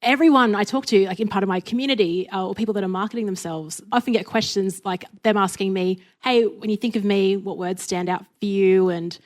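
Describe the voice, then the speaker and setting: Woman, podcast host, fast talker, enthusiastic, chatty, tells stories. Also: mid-range voice, a little mellow. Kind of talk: conversational interview.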